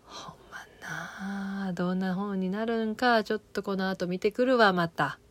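A woman's voice: mid-range voice, normal speed. A woman with an Okayama accent chatting casually about a TV drama, rambling with many fillers and self-corrections. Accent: Okayama dialect of Japanese. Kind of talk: casual spoken recap of a TV drama.

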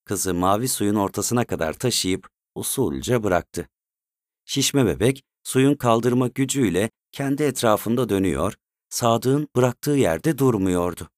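A man narrating a story in a steady, measured way. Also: mid-range voice, no room sound, clean studio sound.

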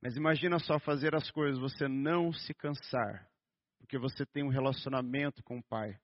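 A man with a Brazilian Portuguese accent preaching a sermon in a conversational way, with joking asides and a slow, stressed reading of scripture. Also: medium pitch, steady tone, dry recording. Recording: dull, dry lo-fi sound.

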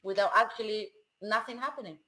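A woman's voice: mid-range voice, brisk, sharp tone. A woman speaking reflectively in a group conversation. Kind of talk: motivational group chat.

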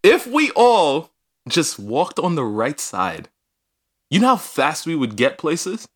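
A man's voice: on the high side, huge pitch swings, takes it slowly. A man co-hosting a podcast in casual chat, riffing and ranting with laughs. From New York. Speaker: podcast co-host.

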